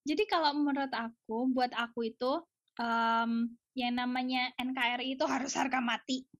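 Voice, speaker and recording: An Indonesian researcher living in Japan appears as a podcast guest, chatting casually and emphatically in an outspoken, opinionated interview, tossing in rhetorical questions and the odd English phrase. Her voice sits high with fairly even intonation and a moderate pace, and there's no echo.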